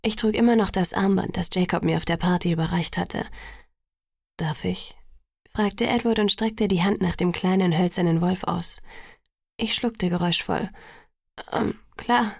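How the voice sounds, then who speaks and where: A woman narrates a first-person novel in a soft, intimate audiobook reading. Her voice is husky, with a gravelly creak at phrase ends. The sound is close and dry, with no room around it. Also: fairly low pitch, normal speed, dry recording. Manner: soft, intimate, sometimes whispered.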